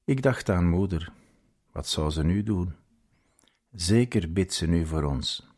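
A man reading a story aloud in a measured, scripted narration. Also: deep voice, a little mellow.

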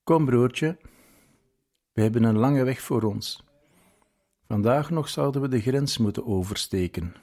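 Guy putting on a grumpy young bike rider, growly, kinda husky, slow. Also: medium pitch, darkish tone, pitched above the performer's own voice. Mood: urging. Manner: growling, grumbling. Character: gruff young male cyclist, restless and grumbling.

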